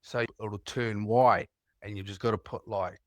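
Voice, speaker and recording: A man from New Zealand, with a low-leaning voice and fairly even intonation, calls in and unhurriedly tells rambling stories with laughs. He speaks with a New Zealand accent in a casual chat, and the studio sound is clean with no echo.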